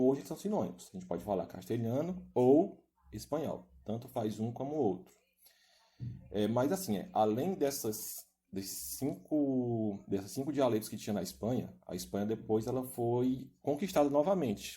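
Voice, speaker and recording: A man's voice: mid-range voice, dark tone. A man teaching a recorded video lesson to students, explaining step by step and often ending phrases with a questioning tag. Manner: explanatory, frequent "né?" tags.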